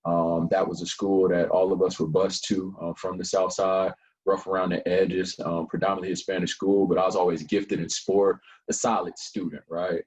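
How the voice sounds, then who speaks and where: Low, flat-voiced young man telling his story. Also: moderate pace, rough recording. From Colorado Springs, USA. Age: young adult. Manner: long-winded, relaxed storyteller with frequent fillers. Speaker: nonprofit founder and guest. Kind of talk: casual interview chat.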